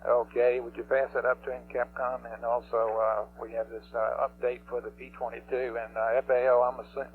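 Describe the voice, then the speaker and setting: A man's voice: mid-range voice, flat delivery, fairly quick, hardly any pauses, slight background noise. A man speaking as a flight director over a radio loop, questioning and giving directions to his team. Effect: mission control radio loop. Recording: tinny, humming 1960s radio loop.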